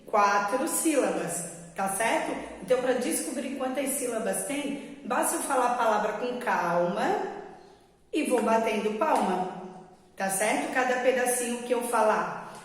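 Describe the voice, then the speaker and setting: A Brazilian woman teaching a lesson to young children, explaining slowly and patiently and often asking whether they follow. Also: fairly high pitch. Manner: slow, patient explaining with checking questions. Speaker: primary school teacher. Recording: very echoey room with long reverb.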